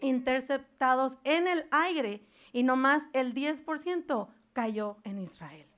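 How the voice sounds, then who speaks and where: A woman preacher giving a fervent sermon, pausing to search for words and building into loud exhortation. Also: sits high, lo-fi sound. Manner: searches for words aloud, slips into English words.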